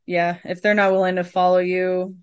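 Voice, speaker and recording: A woman hosts a casual podcast chat and keeps affirming what her guest says. Her voice sits low for a woman, and she speaks plainly and steadily. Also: monotone, moderate pace, smooth, highs cut off. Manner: agreeable, affirming. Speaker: podcast host. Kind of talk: casual conversation.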